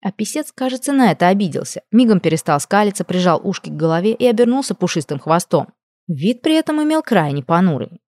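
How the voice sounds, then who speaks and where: Brief: woman, low voice, expressive first-person fantasy audiobook narration, dry close-mic sound. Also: fast, no echo. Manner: lively, expressive storytelling.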